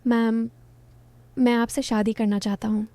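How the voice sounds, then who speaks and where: A woman storyteller voicing an infatuated young man, a student, who speaks softly and earnestly. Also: fairly high pitch, flat delivery, measured pace, no room sound, lightly acted. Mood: earnest, tender.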